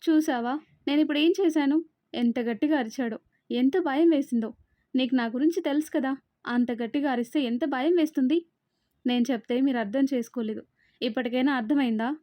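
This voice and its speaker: A woman voicing a sharp-tongued young wife who scolds and complains, in an audiobook novel reading. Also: high-pitched, a little fast, no room sound, studio quality, natural voice. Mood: upset. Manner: sassy, scolding.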